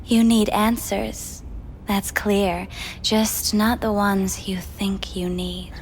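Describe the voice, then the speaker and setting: In a video game, a woman voices a pleasure-doll companion who is soft, probing and hypnotic, speaking intimately and often in a whisper. Her pitch is medium and her delivery flat and slow, with slight background noise.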